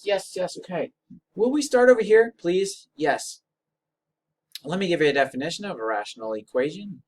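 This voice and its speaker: A man teaching an algebra lesson at a board, joking and self-deprecating, stretching out key words for emphasis. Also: medium pitch. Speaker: math teacher. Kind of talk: recorded classroom lesson. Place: room with a whiteboard.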